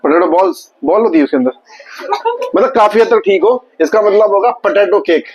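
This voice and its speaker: A male teacher giving a classroom vocabulary lesson, quizzing his students and slowly repeating each word. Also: high-pitched, lively intonation, muffled recording.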